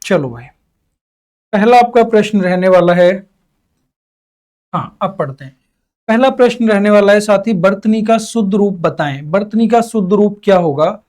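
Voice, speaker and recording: A man's voice: sits high, a little mellow. A young man teaching an exam-prep Hindi lesson, asking questions and answering them himself in his students' voices, stretching out key words.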